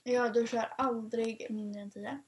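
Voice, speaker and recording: A young woman chatting casually with a friend, talking fast with lots of fillers and quick laughs. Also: a little high, steady tone, a little mellow. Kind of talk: casual chat.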